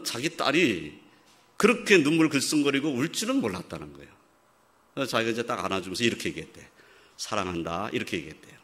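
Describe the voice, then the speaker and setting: A man preaching a sermon, telling a story in a quiet, halting way and building to loud, emphatic preaching, acting out the voices of the people he quotes. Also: mid-range voice. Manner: acts out quoted voices of fathers and God. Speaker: pastor.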